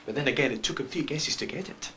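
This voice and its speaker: A man telling a scripted comic monologue in a wry, deadpan, digressive way for a short film. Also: medium pitch, quick pace, slight background noise.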